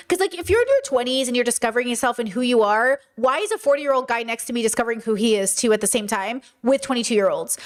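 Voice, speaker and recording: A high-pitched woman in her thirties hosts a live stream and talks straight into it. She rants bluntly, swears freely and answers chat in a fast, casual commentary. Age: 30s. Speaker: streamer host.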